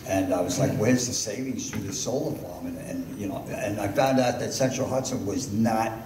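A man in his sixties at a public hearing, speaking haltingly with many fillers at a podium mic. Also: fairly low pitch. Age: 60s. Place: large hall. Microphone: podium mic on a stand. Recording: echoey hall from far off, noisy.

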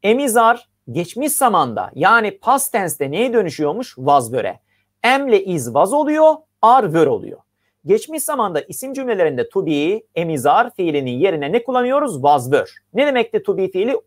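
An English teacher giving an online grammar lesson over slides, reading each example slowly and then translating it, and asking the class questions as they explain step by step. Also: medium pitch, big pitch swings.

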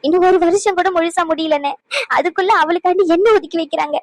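Cartoon grandma, voiced by a woman, high, fast and whiny, dry sound. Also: dry recording. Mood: complaining. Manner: whiny, complaining, drawn-out sobbing speech. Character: aggrieved grandmother, self-pitying and tearful.

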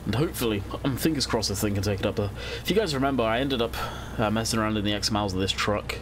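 A gaming channel host, young and stuffy from a cold, fires off rapid casual commentary in a lowish voice while he plays. There's background noise behind his thinking-aloud let's-play.

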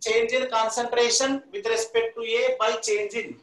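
A man's voice: extremely high pitch, fairly even intonation, normal speed, fairly bright tone. A man with an Indian accent teaching a live online class, repeating himself and prompting listeners to finish his sentences. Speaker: chemistry teacher. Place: classroom at a blackboard. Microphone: distant camera microphone. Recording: echoey, distant room microphone.

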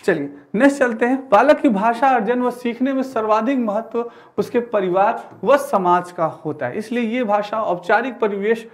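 An exam-prep teacher in his thirties delivers an explanatory classroom lecture in an indoor studio with a digital teaching board, repeating phrases and posing rhetorical questions. His voice is extremely high, at normal speed with hardly any pauses.

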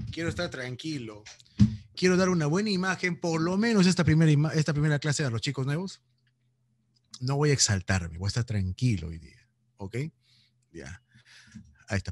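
A male teacher with a Peruvian accent talks at a middling pitch that rises and falls in lively sweeps. He teases and playfully scolds his students, laughing easily. The sound is dry and close, with no room around it. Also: no echo. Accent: Peruvian Spanish. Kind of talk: joking online class lecture.

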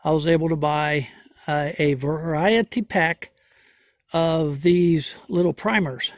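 A man doing a hands-on repair walkthrough outdoors, talking slowly and folksily with many fillers as he thinks aloud. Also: fairly high pitch, fairly even intonation, no room sound. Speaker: homesteader vlogger. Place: outdoors in a yard.

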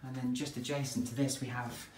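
This is an English estate agent showing a detached house and its back garden on a handheld phone, his sales patter plain, relaxed and chatty. He speaks briskly in a mid-range voice, with slight background noise.

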